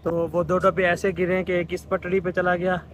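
A man with a Pakistani Urdu accent talks to his phone camera on a railway platform, with a voice that sits a little high for a man. He is chatty and teasing and narrates as he goes. Faint traffic and station sounds hum in the background. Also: completely flat delivery, a little fast, poor audio. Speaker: vlogger. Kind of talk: casual travel vlog.

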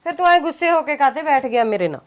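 A woman's voice: high-pitched, very animated, very fast. An actress playing a scheming mother who coaxes and scolds her grown son in a short film drama. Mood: coaxing. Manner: coaxing, then scolding. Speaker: actor.

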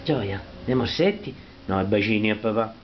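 A man's voice: fairly low pitch, expressive, moderate pace, slight background noise. A man at home talking affectionately to his dog in cooing baby talk. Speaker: dog owner. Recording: dull lo-fi home recording with music behind.

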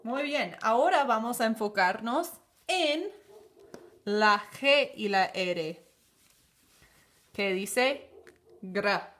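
Woman teaching phonics super slow, sounds out each syllable, kinda high voice. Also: lively intonation, a bit bright.

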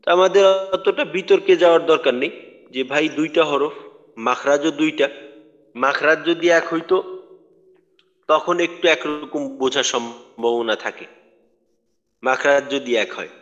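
Guy teaching a tajweed class online, kinda high voice, echoey and muffled audio. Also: moderate pace, pauses often, a bit bright. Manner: patient, explanatory, repeats points for emphasis. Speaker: Quran recitation teacher. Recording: dull lo-fi audio with long reverb.

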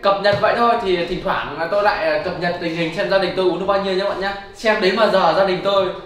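Young male vlogger, quick and chatty, talking into a handheld camera mic. Upbeat and direct, he keeps turning to his audience as he goes. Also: sits high, fairly even intonation, fairly bright tone, a little hiss or hum. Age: young adult. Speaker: vlogger host. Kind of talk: casual prank vlog talk to camera. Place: outdoor yard and indoor storeroom.

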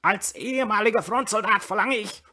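A man voicing a loud, grumpy male ex-soldier at a pub table who barks and rasps. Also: sits high, fairly quick, voice pushed up. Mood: rasping. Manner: barking, rasping shouts.

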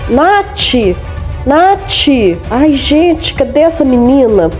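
Woman voicing a desperate mother, high voice, frantic and pleading, game role-play voice-over, music underneath. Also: big pitch swings, extremely slow, a little mellow, exaggerated voice. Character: desperate mother of a crying little girl.

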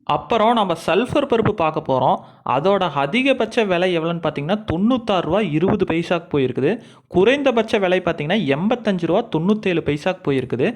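A man giving an informal, explanatory market price report as a channel host. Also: high voice.

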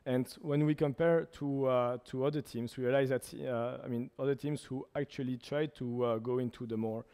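A young man presents at a tech meetup in a hall with a long echo. His voice is mellow and mid-pitched, and he stops often on fillers. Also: steady tone, smooth. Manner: halting, frequent uh fillers. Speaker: startup presenter. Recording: reverberant hall sound.

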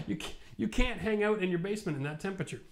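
A man from Canada in his forties explains home renovation at a studio whiteboard, talking through a lapel mic. His voice sits a little high for a man, and he talks in an emphatic, animated way that builds into passionate rants. He sounds tired. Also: fairly quick, noisy background. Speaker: renovation expert host. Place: studio set with whiteboard, indoors.

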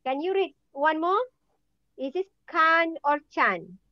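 A woman's voice: sits high, sing-song, slow pace, no room sound, muffled recording. Woman, online language teacher, patient, dry close sound. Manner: patient, calls on students by name. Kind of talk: online class.

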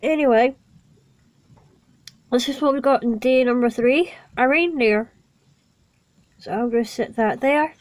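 A woman with a sniffly cold, calmly narrating each step of building a small toy set in a casual vlog. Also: high-pitched, measured pace, pauses often, no echo, poor audio. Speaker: toy vlogger. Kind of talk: casual unboxing and building walkthrough.

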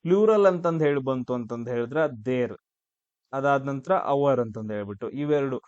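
A man's voice: medium pitch, moderate pace, darkish tone, no room sound, dull audio. A man teaching exam grammar, asking and answering his own questions. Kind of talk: classroom-style grammar lesson.

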